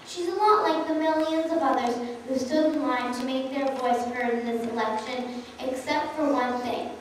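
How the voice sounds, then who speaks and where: A young adult woman from the congregation's youth reads a political speech aloud at a prayer service, her voice high-pitched and her pace normal. She speaks out inside a large church, and the recording is echoey and distant with faint noise.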